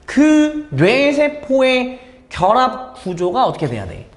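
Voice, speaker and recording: Lively high-voiced man lecturing. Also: slow, reverberant. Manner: lively, asks the students questions and answers them himself. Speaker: English teacher. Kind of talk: exam explanation lecture.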